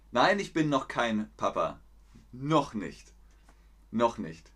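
A young man leads a live language-class quiz, cheering his viewers on and reading their chat messages aloud. His voice sits at an ordinary middle pitch and he laughs often. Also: very animated, very slow, a bit bright. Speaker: German teacher hosting a live class. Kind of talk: livestream quiz lesson.

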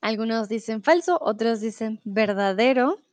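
Here the same kind of live online lesson is led by a Spanish teacher whose fairly high voice has lively intonation and a slightly mellow quality, recorded dry. She patiently voices riddles with slow, deliberate care, answers students' chat messages, and shifts among Spanish, English and German in her explanations.

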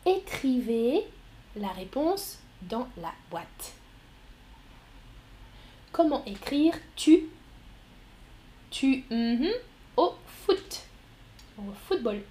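A woman's voice: a little high, big pitch swings, drawn-out words, pauses often, mellow. A woman teaching a live online French lesson, spelling words letter by letter and praising students by name. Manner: encouraging, calls out students by name.

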